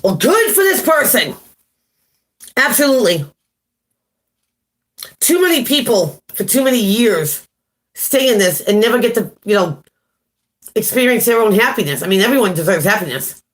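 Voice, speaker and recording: A tarot reader with a slightly high voice runs a casual live stream, very animated and speaking at a normal speed with frequent pauses. She's chatty, greets viewers by name, and often laughs at her own jokes.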